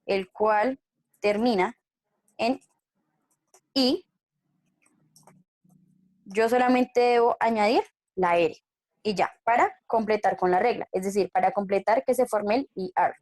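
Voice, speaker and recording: A woman's voice: mid-range voice, takes it slowly, pauses often, darkish tone, no room sound, clean studio sound. A woman teaching an online English class, patiently explaining grammar rules and checking that students follow. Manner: patient, checks understanding with frequent questions.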